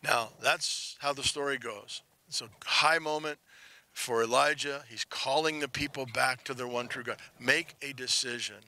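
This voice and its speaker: A man's voice: mid-range voice, moderate pace, sharp tone. A man teaching outdoors on a hilltop, reading scripture aloud and breaking in with casual asides. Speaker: pastor teaching on a tour.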